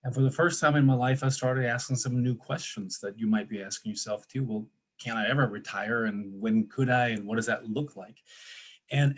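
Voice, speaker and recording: A man in his forties from Denmark, a financial planner moderating a webinar, telling his story in a conversational way with many fillers. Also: mid-range voice. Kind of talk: casual personal introduction.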